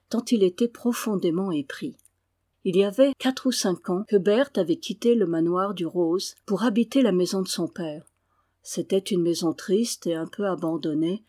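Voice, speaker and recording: A woman narrating a classic novel as an audiobook reader, with a measured reading that lifts into emotion in the dialogue. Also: fairly low pitch, mellow.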